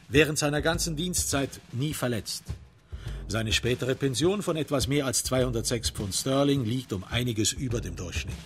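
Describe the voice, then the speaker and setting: A man's mid-range, somewhat bright voice reads dramatic literary narration for a radio crime drama, with measured, deliberate phrasing and emphatic stresses. There's slight background noise.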